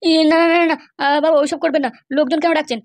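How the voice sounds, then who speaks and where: A woman's voice: high-pitched, steady tone, quick pace, pitched below the performer's own voice. A woman voicing an anxious young married man in a cartoon, pleading and flustered.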